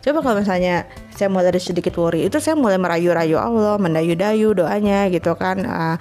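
A woman's voice: on the low side, fairly quick, a little mellow. Woman, casual solo talker, chatty and laughing, faint music underneath. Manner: chatty, laughs often, mixes in English words. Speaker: freelance scriptwriter. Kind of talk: casual personal monologue.

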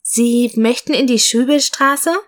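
A woman's voice: fairly high pitch, steady tone, unhurried, pitched above the performer's own voice, lightly acted. A chatty, friendly taxi driver in a storybook, curious about her passenger. A woman reads her lines in a lightly raised, everyday voice.

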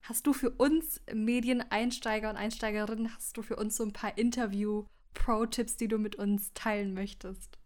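A woman's voice: medium pitch, steady tone, moderate pace, few pauses, darkish tone. A woman interviewing a colleague, asking friendly, curious questions.

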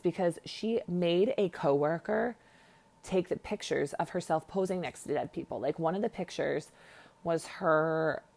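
A woman who works as a nurse hosts a casual podcast monologue, her voice on the low side with a darkish tone and a slight lisp. She rambles in a blunt, sarcastic, self-deprecating way.

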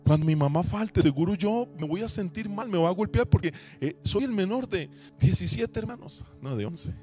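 Pastor, slightly high voice. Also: male voice, expressive, normal speed, faint music behind. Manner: emotional storytelling, swinging between loud preaching and hushed recollection. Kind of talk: sermon with personal testimony. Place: church service.

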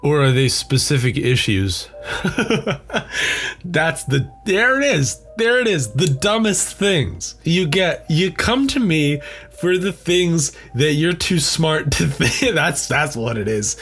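Young male comic, rambles slowly in a somewhat high voice, cracks himself up, faint music under. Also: sing-song, a bit bright. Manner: rambling, self-amused, laughs at own jokes. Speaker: comedian. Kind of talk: rambling comedic monologue.

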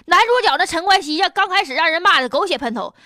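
A woman hosts a comic news commentary in a folksy Northeastern Chinese accent. Her voice sits high and has a sharp, bright edge. She talks in animated rises and drops, colloquial and sardonic throughout. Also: fast talker, no room sound, clean studio sound. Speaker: radio show host.

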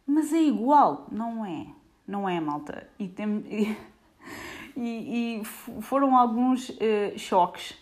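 A woman from Portugal with a European Portuguese accent, an airport security screener chatting casually to her viewers in an animated way. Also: fairly low pitch. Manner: chatty, animated, frequent fillers, addresses viewers directly.

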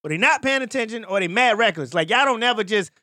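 A young adult man co-hosting a podcast, ranting in profane, animated casual chat full of slang. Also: sits high, fast, dry recording, studio quality. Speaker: podcast co-host.

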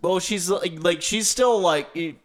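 Wry, deadpan podcast man. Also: sits high, a little slow. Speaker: podcast co-host. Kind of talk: casual crude podcast banter.

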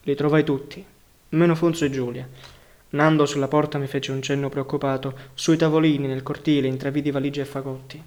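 A man narrating a novel as an audiobook reader, measured and even. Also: mid-range voice. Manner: measured, even literary reading. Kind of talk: novel reading.

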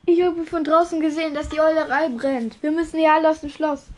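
A woman's voice: sits high, steady tone, fairly quick, darkish tone, pitched above the performer's own voice, close to an everyday voice. A woman voicing a huge male groundskeeper who urges everyone out in a hurry. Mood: urgent.

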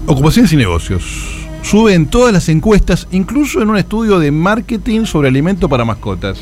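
A man with an Argentine accent playing a pompous, touchy coach and horoscope guru on comic radio, speaking with mock solemnity and halting when flustered. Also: high-pitched, wildly swooping pitch, a little mellow, soft background music. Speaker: comedian on a radio show.

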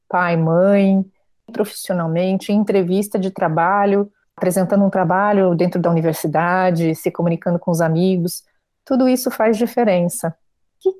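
A woman with a dark, mellow tone and a slightly low voice. She speaks in measured, explanatory phrases and steers the talk with follow-up questions, like a host running an interview. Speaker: host, speech therapist. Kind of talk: conversational interview.

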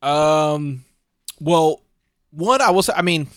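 Man, podcast co-host, a bit high-pitched, playful mock outrage, dry close recording. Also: expressive, slow, fairly bright tone, dry recording. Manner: playful, mock-indignant ranting. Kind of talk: casual chat.

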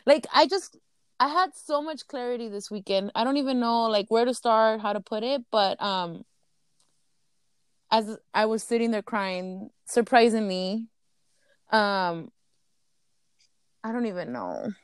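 A woman whose first language is Spanish co-hosts a podcast in casual chat, speaking in a fairly high, smooth voice at an unhurried pace with long pauses. She rambles nervously, stutters now and then, and laughs often; the audio is studio quality with no echo.

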